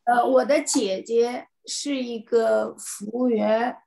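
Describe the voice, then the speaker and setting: Very slow, gravelly woman student. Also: fairly high pitch, fairly even intonation, mellow, low-quality recording. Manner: halting, stumbling over words. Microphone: video call.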